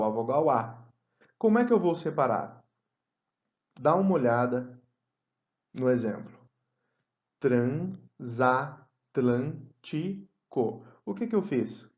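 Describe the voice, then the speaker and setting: Slow-speaking man teaching grammar. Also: a little high, a little mellow. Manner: slow, deliberate dictation of example words. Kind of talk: grammar lesson. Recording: roomy, dull lo-fi sound.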